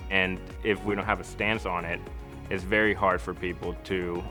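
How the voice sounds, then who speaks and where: A Costa Rican architect gives an earnest, reflective interview testimonial, with music playing behind him. His voice sits low, level in tone, at normal speed.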